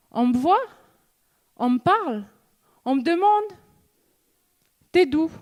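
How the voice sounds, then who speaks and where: A young woman from New Caledonia, a student giving a contest speech on stage with slow, measured delivery, dramatic pauses and repeated refrains. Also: sits high, a little mellow. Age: young adult. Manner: rhetorical questions and repeated refrains. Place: stage in a hall before an audience.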